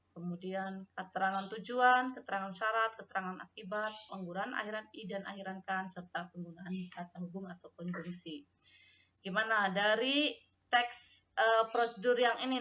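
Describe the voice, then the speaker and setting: Woman teacher, bright, clear voice, patient classroom delivery, dull lo-fi recording. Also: medium pitch. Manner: patient, addresses students, asks questions, repeats key terms. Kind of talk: classroom lesson.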